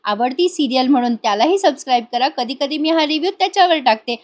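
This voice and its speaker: A woman's voice: high-pitched, expressive, fast talker. A woman narrating a voice-over review of a TV serial episode in a chatty retelling manner.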